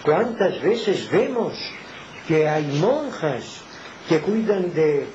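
An older man preaching a fervent sermon in a high, slow-paced voice. He fires off rhetorical questions and swings between loud exhortation and hushed emphasis. The recording is muffled and carries a faint background hiss. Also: sing-song. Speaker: lay preacher. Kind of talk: impassioned home sermon.

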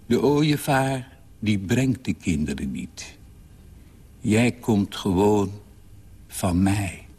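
A man reading a story, voicing a calm, somber mother who speaks soothingly and plainly. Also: lowish voice, very slow, breathy edge, heavily acted. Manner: soothing, matter-of-fact.

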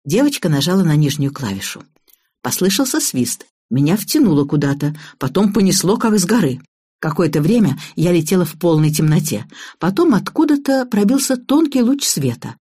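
A woman narrating an audiobook in the first person, in a lively, expressive way. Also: fairly low pitch, moderate pace, breathy edge.

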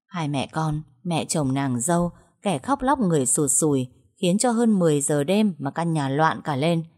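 A woman narrating a first-person story in a calm, steady way. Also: low-pitched, normal speed.

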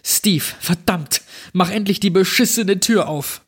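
A man voicing a frightened young man trapped behind a door, shouting and pleading for help. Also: a little high, animated, a little slow, voice pushed up. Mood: desperate. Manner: raised, desperate pleading.

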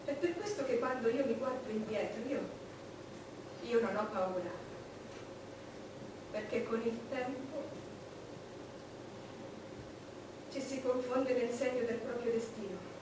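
Actress as haughty high-voiced queen in echoing theatre. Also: natural voice. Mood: wistful, resolute. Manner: haughty, declamatory, deliberate dramatic pauses. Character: imperious, lustful, proud queen recalling her past. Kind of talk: theatrical stage monologue. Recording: echoey theatre, distant noisy mic.

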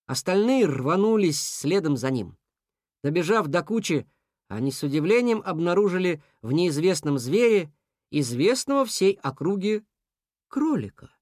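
An expressive storyteller reads a children's fairy tale with a lively, rising and falling voice. The recording is close and dry, with no room sound. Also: medium pitch, dry recording. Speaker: audiobook narrator.

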